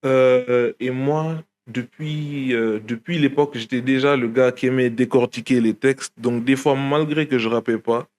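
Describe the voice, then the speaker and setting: A man's voice: medium pitch, steady tone, measured pace, hardly any pauses, darkish tone. A young man from Guinea, a rapper, talking casually in an interview with many fillers and restarts. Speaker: rapper guest.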